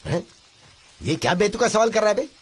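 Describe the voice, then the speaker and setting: An actor dubbing a rough, quarrelsome village man in a film. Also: high-pitched, big pitch swings, brisk, heavily acted. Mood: irritated. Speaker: dubbed film character, a villager. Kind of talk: Hindi film dub acting.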